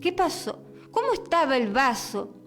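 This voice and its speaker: A woman's voice: high voice, sing-song, normal speed, a bit bright, soft background music. A woman preacher on a radio program, giving an earnest sermon and a long prayer, often repeating and restarting her words.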